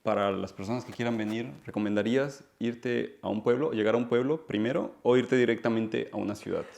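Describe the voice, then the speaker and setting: A man's voice: mid-range voice, a little fast, vocal fry, darkish tone. A man hosting a casual interview, asking questions and nodding along with short acknowledgments. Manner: attentive, frequent backchannel "ujú", "ajá". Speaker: interviewer, channel host.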